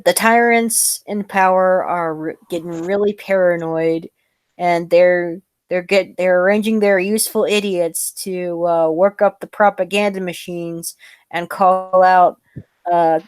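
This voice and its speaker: A woman hosting a casual podcast chat, talking with many pauses, fillers and restarts. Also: fairly low pitch, darkish tone, smooth, dry recording. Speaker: podcast host.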